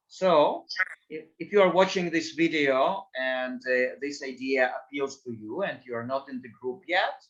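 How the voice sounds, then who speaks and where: A man facilitating an online group call, introducing the session slowly with many fillers. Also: medium pitch, fairly bright tone, lo-fi sound. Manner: slow, halting, with many fillers. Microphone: video call.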